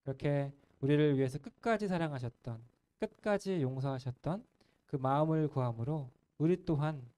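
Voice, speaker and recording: A male pastor preaching a sermon in an earnest, gentle way, letting the ends of his phrases fall soft. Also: medium pitch. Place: church sanctuary.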